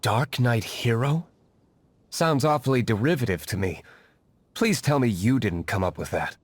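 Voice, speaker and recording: An actor playing a brooding, wealthy vigilante in a video game dub, curt and formal with a dry, disdainful edge. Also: male voice, medium pitch, lively intonation, a little slow. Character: brooding wealthy male vigilante, aloof and stern.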